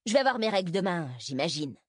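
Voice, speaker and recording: A woman's voice: lowish voice, big pitch swings, fast talker, slightly rough, no echo, studio quality. A woman voicing a sullen, exhausted teenage girl who snaps back defensively, in an audiobook. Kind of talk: audiobook character voice.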